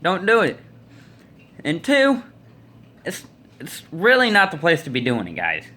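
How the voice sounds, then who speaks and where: This bright, forceful voice belongs to an American guy in his twenties, on the high side, swinging hugely in pitch at a measured pace. He's casually spinning folksy, opinionated stories into a phone at arm's length inside a small room.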